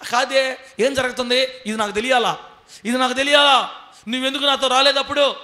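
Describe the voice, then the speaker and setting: A man's voice: high-pitched, quick pace, fairly bright tone. A man voicing a bewildered male servant of God who pleads with his Lord. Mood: pleading protest. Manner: anguished, protesting.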